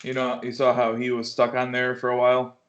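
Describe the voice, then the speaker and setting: A man's voice: mid-range voice, monotone, a little fast. A man co-hosting a loose chat show, joking and cutting in with questions. His voice sits in the middle of the range. The sound is a bit dull and lo-fi. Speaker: podcast co-host. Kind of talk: casual chat.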